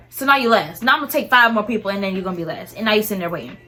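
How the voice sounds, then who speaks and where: Young woman venting about customers, lively, does little voices, music low in the back. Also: racing. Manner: animated, mimics customers in higher voices. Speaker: vlogger and fast food worker. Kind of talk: casual storytime rant.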